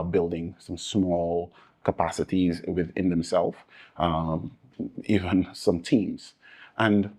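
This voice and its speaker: A man from Barbados with a Barbadian accent, answering interview questions earnestly in measured, repetitive lists of points. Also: deep voice, darkish tone, breathy edge. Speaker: interview guest, disaster resilience advocate.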